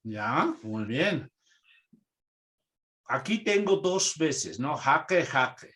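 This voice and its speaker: A man's voice: mid-range voice, big pitch swings, extremely slow, a bit bright. A man from Peru teaching a translation class, explaining points step by step and often checking in with his students. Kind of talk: online class lecture.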